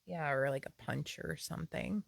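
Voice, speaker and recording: Woman, podcast host, casual banter, lowish voice, dry close sound. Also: normal speed, creaky, slightly rough, no room sound. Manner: chatty, teasing, rambling. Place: at home on a Sunday.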